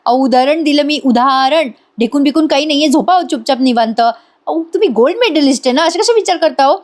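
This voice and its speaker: A jokey, eager young husband from a village drama, pitched noticeably higher than her own voice, as a woman reading the episode puts him on. He pleads and teases in a light, raised voice. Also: expressive, quick pace. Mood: playful pleading.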